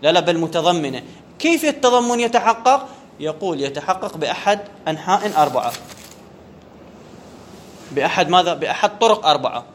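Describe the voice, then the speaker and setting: With a high voice and lively intonation, this man lectures briskly on Arabic grammar to a class, though he leaves long pauses. He asks questions, supplies the answers and repeats key terms, over a slight hiss or hum.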